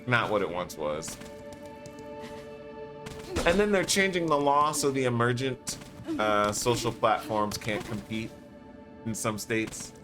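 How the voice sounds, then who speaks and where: A man's voice: mid-range voice, animated, takes it slowly, pauses often. A man streaming a game live, chatting casually with his viewers as he plays. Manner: laid-back, chatty, talks to chat viewers; sings playful ditties while playing. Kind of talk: live gameplay commentary. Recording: loud game music behind voice.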